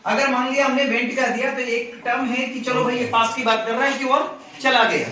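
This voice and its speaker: A man's voice: extremely high pitch, steady tone, brisk, pushed and bright. A male grammar teacher, lecturing a class and quizzing students with repeated questions. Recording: very echoey classroom, distant mic, noisy.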